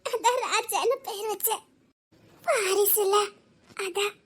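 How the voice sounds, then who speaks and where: A woman's voice: very high voice, slow, a bit bright, heavily acted. An actress playing a grieving young woman talking with her friend, with an emotional, tearful delivery. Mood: hushed. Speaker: actress in a family drama. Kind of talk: melodramatic dialogue scene.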